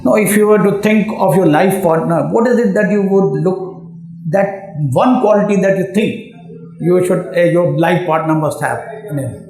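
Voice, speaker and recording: High-pitched Indian man interviewing, echoey room. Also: moderate pace, a little mellow, soft background music. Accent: Indian English. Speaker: interviewer and coach. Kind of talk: formal interview questions and feedback.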